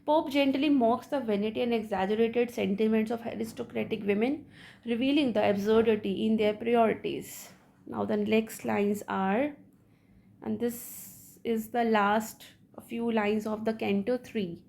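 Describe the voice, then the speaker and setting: Young woman lecturing on a poem, slow and gravelly, a bit high voice. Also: fairly even intonation, darkish tone. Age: young adult. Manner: slow, deliberate reading of verse, quick asides. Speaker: literature teacher. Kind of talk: lecture mixing English and Hindi.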